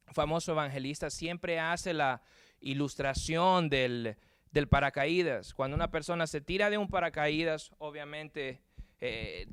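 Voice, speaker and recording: A man from Puerto Rico, speaking with a Puerto Rican Spanish accent, earnestly preaches a sermon that ends in prayer, often repeating words as he searches for them. His voice is a little high, fairly bright and clean, in a dry, studio-quality recording.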